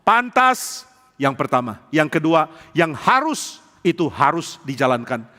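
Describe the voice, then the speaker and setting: A man's voice: fairly high pitch, very animated, unhurried, sharp tone. A man preaching a sermon as pastor, telling humorous stories and acting out the quotes. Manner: humorous storytelling with acted quotes. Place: large church hall. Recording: long hall reverb.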